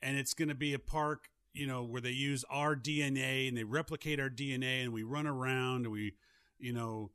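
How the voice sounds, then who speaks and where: A man co-hosting a podcast, riffing jokes in casual, animated comedic chat. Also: medium pitch, normal speed, clear, resonant tone. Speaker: podcast co-host.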